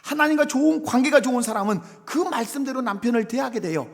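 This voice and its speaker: A middle-aged male pastor preaching to his congregation, his voice pitched high and swinging widely between soft, chatty asides and loud, fervent appeals. A long reverb from the church sanctuary trails every phrase. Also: lively intonation, fast talker, gravelly. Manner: conversational, rising to loud fervent exhortation. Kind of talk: sermon.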